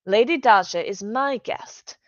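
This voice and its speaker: A woman voicing a brisk, kind and stubborn young noble girl, talking in a firm, proper way. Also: a little high, no echo, pitched above the performer's own voice, lightly acted. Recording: dry, dull lo-fi recording.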